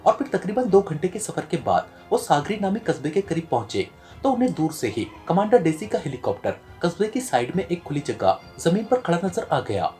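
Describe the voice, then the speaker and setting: A man narrating a spy novel as an audiobook, in an expressive reading voice. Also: fairly high pitch, brisk, faint music behind.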